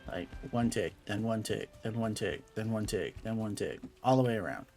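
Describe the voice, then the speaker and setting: A man's voice: on the low side, normal speed, gravelly, darkish tone, faint music behind. A young man streaming a game, chatting casually and playfully, answering his chat as he goes.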